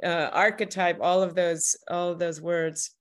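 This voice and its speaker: A woman's voice: on the low side, little pitch movement, a little slow. A woman hosting an interview, enthusiastic and encouraging toward her guest. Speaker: host, workshop leader. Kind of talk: podcast interview.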